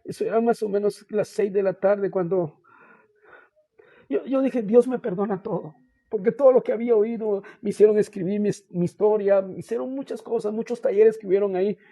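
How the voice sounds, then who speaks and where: A man who is a pastor, with a Guatemalan Spanish accent, tells his faith testimony in an earnest, halting way and keeps calling the listener "hermano". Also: high-pitched, mellow, no room sound. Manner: halting, with many restarts and fillers. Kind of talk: personal faith testimony in a podcast interview.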